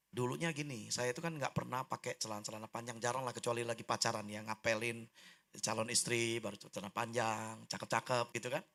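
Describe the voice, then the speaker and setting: A middle-aged man, telling a testimony during a church sermon, lively and humorous, with big swings in pitch. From Indonesia. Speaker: preacher giving testimony. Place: church hall.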